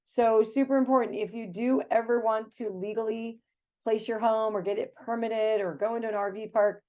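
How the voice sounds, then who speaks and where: A woman's voice: fairly high pitch, fairly even intonation, normal speed, mellow. Chatty American woman in her fifties. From United States. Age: 50s. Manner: chatty and enthusiastic, with fillers and laughs. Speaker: host. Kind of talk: casual video chat.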